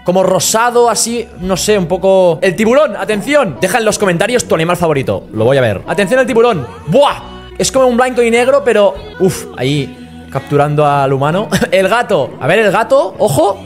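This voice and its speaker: A young man, reacting to pictures in an animated way, exclaiming and urging viewers to comment. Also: high-pitched, normal speed. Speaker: short-video creator reacting to images. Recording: music playing faintly behind.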